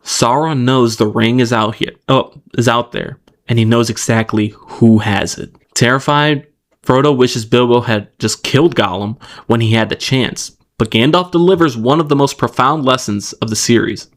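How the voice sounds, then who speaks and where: A man's voice: mid-range voice, normal speed. Casual male podcast host recapping. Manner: relaxed, loose, with fillers and restarts between read passages. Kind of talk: casual chat mixed with reading a plot summary.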